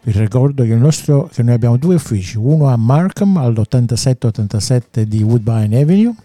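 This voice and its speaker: A man's voice: mid-range voice, lively intonation, brisk, warm tone, no room sound. A man with a Sicilian accent giving informative radio talk as a real estate expert.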